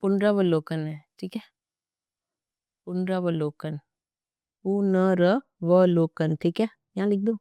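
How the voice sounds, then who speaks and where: A woman's voice: medium pitch, normal speed, few pauses, warm tone, dry recording. A young woman teaching an exam-prep grammar lesson, chatty and playful, with asides to her students.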